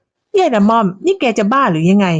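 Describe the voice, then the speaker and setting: A brash old widow, played by a woman storyteller who snaps back in a raised, high voice. Her exclamations are sharp and exasperated. The recording is dry and close. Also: very animated, a little fast, dry recording, lo-fi sound.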